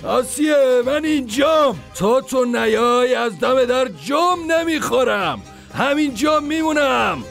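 Desperate husband, very high gravelly voice, shouting and pleading, faint music. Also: male voice, expressive, heavily acted. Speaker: dubbed drama character. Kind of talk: Persian TV dub acting.

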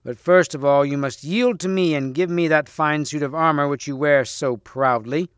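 A man's voice: a little high, moderate pace, smooth, dry recording, studio quality, lightly acted. A man doing a brash young knight. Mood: shouting. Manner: raised, eager, shouting taunts.

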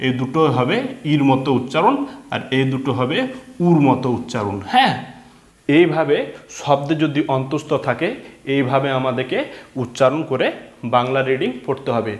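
A male teacher giving a slow reading lesson, sounding out letters one by one and repeating them patiently. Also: medium pitch. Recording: echoey room.

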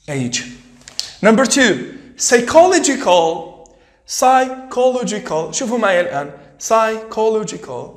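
An Algerian man teaching English for an exam, reading sentences slowly and repeating words to drill pronunciation. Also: fairly high pitch, reverberant. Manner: switches between English and dialect, reads English slowly and drills pronunciation. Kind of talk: exam-prep lesson.

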